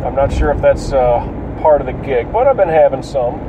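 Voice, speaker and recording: A man congested with a cold, his voice cracking and wavering in tone, rambling casually and profanely as a solo podcast host, halting and clearing his throat. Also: medium pitch, lively intonation. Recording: dull, distant mic, loud vehicle noise.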